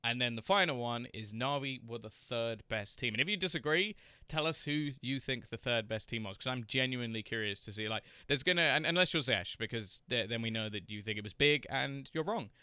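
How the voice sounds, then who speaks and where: A man's voice: mid-range voice, brisk, pushed and bright, clean tone, no echo. A man hosting a casual esports podcast, thinking aloud with hesitant word repeats. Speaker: podcast host.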